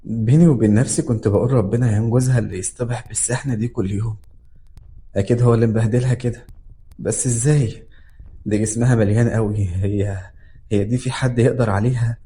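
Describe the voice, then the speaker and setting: A man's voice: medium pitch, steady tone, quick pace, dark tone, a little hiss or hum. A man with an Egyptian accent giving a dramatic, tense scripted narration of a horror story. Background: faint background music.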